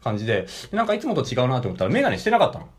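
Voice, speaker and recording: A young man from Japan's Kanto region co-hosting a podcast, telling a story in casual chat, animated and breaking into laughter. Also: medium pitch, rapid-fire. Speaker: podcast co-host.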